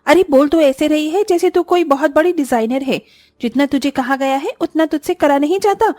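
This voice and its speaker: A woman's voice: high-pitched, expressive, normal speed, a little mellow, dry recording, studio quality. A woman playing a harsh, bossy sister-in-law. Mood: scolding. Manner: harsh, commanding, scolding. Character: bossy domineering young sister-in-law, scolding.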